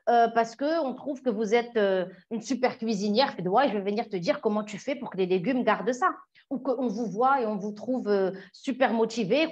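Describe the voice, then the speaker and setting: A woman coach leading an online self-knowledge workshop, lively and asking many questions. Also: high-pitched. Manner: warm, lively, asks the audience many questions. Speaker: personal development coach. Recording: dull lo-fi audio.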